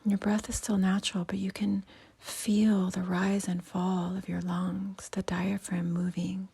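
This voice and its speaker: A woman leads a guided breathing and meditation lesson. Her voice is extremely husky and airy, close to a whisper, with a dark, relaxed tone and a creaky edge. She gives soft, unhurried instructions as a yoga teacher. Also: medium pitch.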